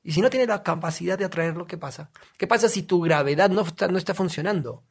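A man's voice: high-pitched, fast, gravelly, husky. A man, a guest in a casual podcast, explaining emphatically and asking himself questions he then answers.

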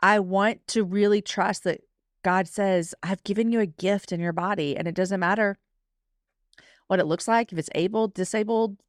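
A woman's voice: medium pitch, dry recording, studio quality. A woman in her forties, a guest author talking candidly and emotionally in a casual podcast interview. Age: 40s. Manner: candid, emotional, quick self-talk asides.

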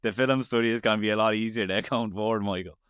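Low-voiced Irish man talking football. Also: fairly bright tone, smooth, dry recording, clean studio sound. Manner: quick, chatty analysis with frequent restarts. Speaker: podcast co-host. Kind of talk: casual sports podcast chat.

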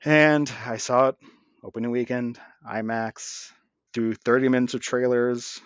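A man's voice: mid-range voice, fairly even intonation, measured pace, smooth, no room sound, muffled recording. A man with a lisp from his braces, co-hosting a casual film review podcast in an opinionated, loosely profane way. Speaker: podcast co-host.

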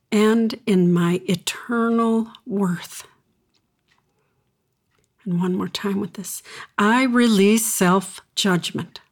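Female radio host. Slow, soothing delivery, gentle and encouraging. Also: medium pitch. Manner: slow, soothing, repeats affirmations. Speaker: radio host and intuitive consultant. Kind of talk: guided affirmations and call-in advice.

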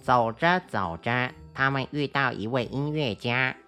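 A woman narrating a children's story in a gentle, expressive way. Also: rumbling low, measured pace, soft background music.

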